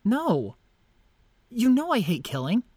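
A man's voice: high-pitched, wildly swooping pitch, slow pace, warm tone, slightly rough, no room sound, clean studio sound, exaggerated voice. A man playing an awkward, lovelorn young vampire who narrates in a self-deprecating, confiding way. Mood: sheepish, protesting. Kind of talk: scripted first-person narration and dialogue.

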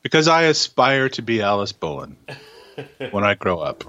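A man's voice: on the low side, big pitch swings, moderate pace, pushed and bright, muffled recording. A man co-hosting a podcast in casual chat, teasing playfully with short remarks. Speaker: podcast co-host.

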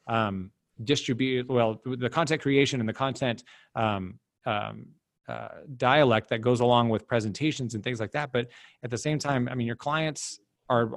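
A man speaking as a podcast guest, emphatic and animated, his pitch jumping up when he drives a point home. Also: no echo, clean studio sound. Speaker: guest, business development director. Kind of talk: casual podcast interview.

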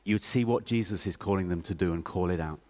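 Deep-voiced man praying earnestly. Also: fast talker, a little mellow. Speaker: church leader. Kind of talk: announcements and spoken prayer.

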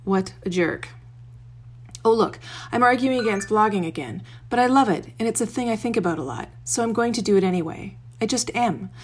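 A woman reads her own blog post aloud with wry, self-deprecating humor, then drifts into easy, casual talk. Her voice sits at an ordinary middle pitch. She records it all under a blanket in her bedroom, so the sound is close and muffled. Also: a little fast, slightly rough. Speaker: blogger.

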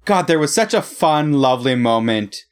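Male podcast co-host: medium-pitched, amused, easygoing casual chat. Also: expressive, normal speed, clear, resonant tone.

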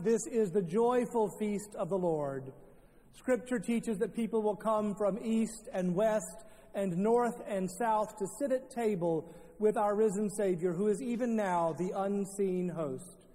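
A man leading a communion liturgy as pastor, solemn and measured, his voice carrying a long echo through a large church. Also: high voice, warm tone. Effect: long church hall echo. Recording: reverberant church sound, voice from a distance.

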